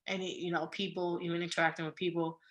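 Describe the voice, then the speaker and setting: Bright-voiced young woman, earnest chat. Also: lowish voice, level tone, quick pace, low-quality recording. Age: 20s. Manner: earnest, rambling, motivational. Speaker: podcast co-host. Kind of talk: casual chat.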